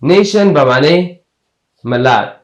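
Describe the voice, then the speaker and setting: A man's voice: on the high side, expressive, reverberant, lo-fi sound. Methodical male teacher, Afghan Dari accent. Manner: methodical, repeats each example word and gives its meaning. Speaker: English teacher. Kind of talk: explaining English letter combinations.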